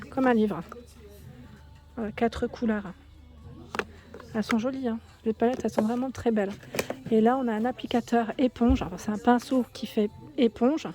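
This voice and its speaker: A woman with a French accent walks through a shop filming a vlog, reading out prices and chatting as she looks at products. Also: a little high. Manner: chatty, reads prices aloud, thinks out loud. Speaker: shopping haul vlogger. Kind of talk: casual store walkthrough vlog. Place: indoors in a shop under ceiling spotlights.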